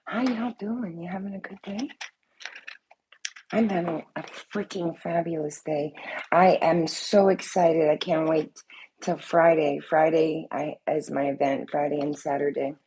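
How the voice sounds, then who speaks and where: In a low-quality recording with a little hiss or hum, a woman speaks a little slowly in a low, dark, steady voice. A vlogger and soap maker with a slight cold, she rambles and swears freely while chatting casually to camera at home, living room in view.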